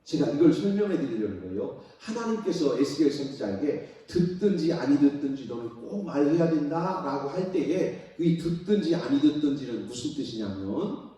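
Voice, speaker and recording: A man preaching a sermon as a pastor, reading scripture aloud slowly and then voicing God in a soft, close way, having the congregation repeat lines after him. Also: on the high side, very animated. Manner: reads scripture loudly and slowly, then acts out God's voice in soft, intimate speech. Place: large church hall. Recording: echoey church hall, distant mic.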